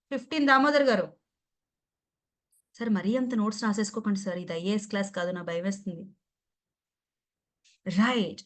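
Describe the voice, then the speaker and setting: Playful Telugu-accented woman trainer. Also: high-pitched. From Andhra Pradesh or Telangana, India. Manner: playful, teasing, quizzes the class. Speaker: English pronunciation trainer. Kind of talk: online class. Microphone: video call.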